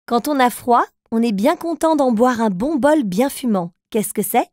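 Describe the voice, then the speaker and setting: Speaking straight to little ones, this cartoon narrator reads riddles aloud with patience and encouragement, inviting them to guess. She has a fairly high, slightly mellow voice with lively intonation and normal speed; the studio recording is dry.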